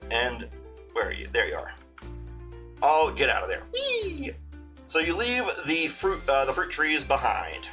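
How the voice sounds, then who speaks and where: A man running a tabletop game as game master for a live chat, narrating casually and haltingly as he improvises aloud. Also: medium pitch, sing-song, bright, forceful tone. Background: music.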